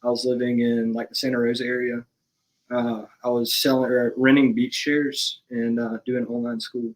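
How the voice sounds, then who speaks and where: Flat-voiced young man, laid-back guest. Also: mid-range voice, normal speed, poor audio. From Alabama, USA. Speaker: podcast guest, business owner. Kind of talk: casual interview chat.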